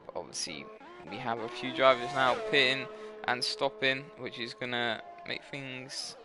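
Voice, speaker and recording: A man's voice: mid-range voice, a little slow, music in the background. A tired young man giving live commentary on an online racing league, rambling and correcting himself as he goes. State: tired, yawning. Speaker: race commentator.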